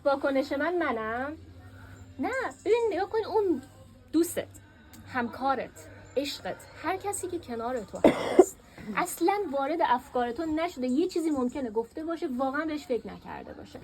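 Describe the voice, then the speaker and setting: A woman teaching a workshop class in a classroom, lively and asking her students questions. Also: high-pitched, faint music behind.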